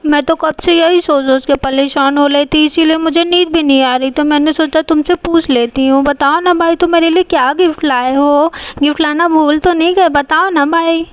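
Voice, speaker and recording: A woman's voice: sits high, fairly even intonation, normal speed, no echo, muffled recording, natural voice. A woman voicing a little girl doll who pleads in babyish, lisping talk in a doll storybook play. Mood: pleading.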